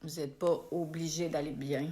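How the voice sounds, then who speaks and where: A woman's voice: deep voice, fairly even intonation. A woman with a Québécois accent hosting a casual live stream from home, greeting viewers by name with frequent hesitations. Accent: Québécois French. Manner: unhurried, warm-hearted greetings with frequent euh fillers.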